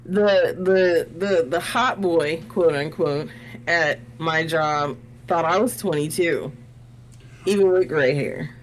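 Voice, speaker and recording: A woman's voice: low voice, takes it slowly, slight background noise, rough recording. A woman co-hosting a casual review chat, telling stories in a chatty way and laughing often. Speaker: podcast co-host.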